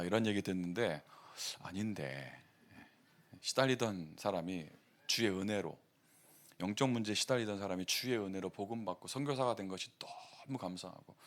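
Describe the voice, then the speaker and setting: A man preaching as pastor, telling stories in an animated, quick-tempered way with laughing asides. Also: medium pitch. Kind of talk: sermon.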